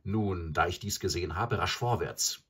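A man's voice: deep voice, moderate pace, slightly rough. A man voicing a proud young man raised in the jungle by wolves, speaking intensely in an audiobook. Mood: solemn. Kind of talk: audiobook character voice.

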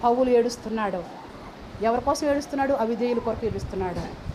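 A woman's voice: fairly high pitch, fast talker, background noise. A middle-aged woman preaching a sermon, pressing her listeners with rhetorical questions and call-and-response.

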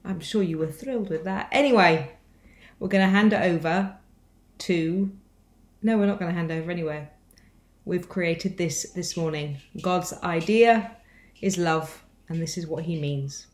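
A woman's voice: lowish voice, measured pace, roomy sound. A woman of fifty, singing a song with joking asides in her home kitchen, recorded on a close-up home camera. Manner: jokey, breaks into song with asides. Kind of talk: playful singing and chat on a video call.

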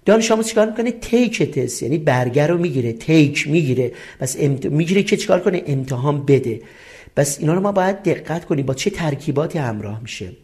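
Male English teacher, middle-aged, Persian accent, slightly high voice, patient question-and-answer lecturing. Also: a little mellow. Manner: explains step by step and asks and answers his own questions. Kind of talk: recorded classroom lesson.

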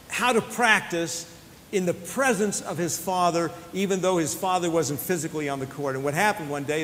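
A man giving a faith-based motivational talk to athletes, telling personal stories earnestly and often restarting his phrases. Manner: earnest storyteller with frequent restarts and fillers. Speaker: speaker addressing athletes. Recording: long hall reverb with faint low rumble.

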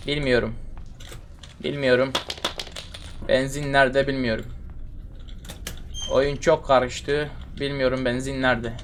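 A man's voice: mid-range voice, a bit bright, a little hiss or hum. A young man giving casual, exasperated commentary while playing a horror game, repeating himself and muttering complaints. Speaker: gamer streaming a horror game.

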